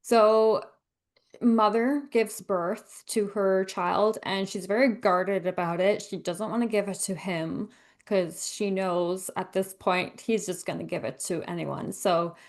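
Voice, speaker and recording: A woman's voice: medium pitch, slow pace. A woman guest in a casual interview, animatedly retelling events and acting out quotes. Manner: animated storytelling with acted-out quotes. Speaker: guest, gardener.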